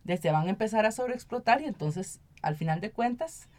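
Speaking fairly quickly and expressively, a Costa Rican-accented woman with a medium-pitched, darkish voice is interviewed about her work as an activist and municipal council member. She's earnest and conversational, frequently tacking on questions that invite agreement.

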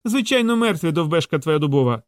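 A man voicing a shrewd old woman shopkeeper who scolds loudly and dotes on the boys. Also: a little high, very animated, fast talker, dry recording, pitched above the performer's own voice. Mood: outraged. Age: older. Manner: scolding, loud and doting by turns.

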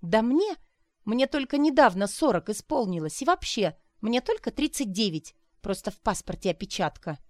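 Woman doing a shrill, indignant mother. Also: sing-song, normal speed, few pauses, no echo, studio quality. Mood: flustered. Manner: shrill, offended, sarcastic retorts. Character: indignant woman around forty, sharp-tongued mother.

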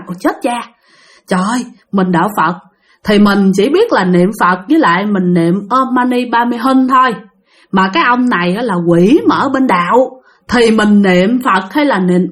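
A woman telling a spooky first-person story to her listeners, exclaiming often and calling herself by name. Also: a little high. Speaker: storyteller of spiritual experiences.

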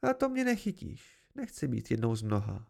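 A man's voice: medium pitch, huge pitch swings, gravelly, a little mellow, full character voice. A man voicing a teasing, guarded young woman in an amateur audiobook, in a lighter, raised voice with dramatic sighs. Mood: hurt, guarded.

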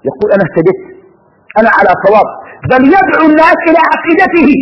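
A man teaching a class on creed, quizzing his students with questions as he goes. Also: sits high. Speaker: Islamic teacher. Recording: dull lo-fi sound with long hall reverb.

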